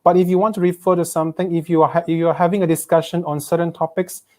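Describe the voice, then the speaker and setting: A man's voice: fairly high pitch, flat delivery, racing, a little mellow. A man with a Malaysian accent teaching an online exam-prep English lesson, reading students' questions aloud and checking in with frequent "okay?".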